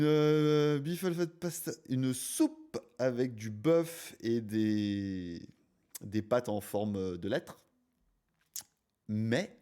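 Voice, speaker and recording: A man's voice: medium pitch, a little mellow. A man hosting his channel, giving playful, mocking commentary on a cooking video. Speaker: video reaction host. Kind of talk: casual reaction commentary.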